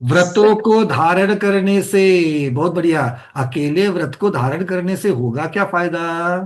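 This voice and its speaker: A man's voice: high voice, a little slow. A man leading an interactive religious study lesson, questioning his students and explaining with rhetorical questions. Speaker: teacher of a scripture study class.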